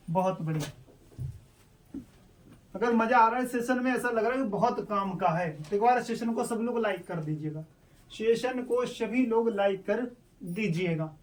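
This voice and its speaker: A man's voice: high voice, recorded from a distance. A male teacher explaining step by step in an online exam-prep lesson, asking questions and answering them himself.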